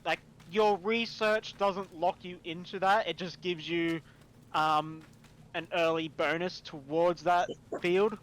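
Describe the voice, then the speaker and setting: A man running a tabletop game over voice chat, explaining his setting in a relaxed, chatty way. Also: high voice, slow pace, a little hiss or hum, low-quality recording. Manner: relaxed, explains setting rules while eating. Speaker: game master.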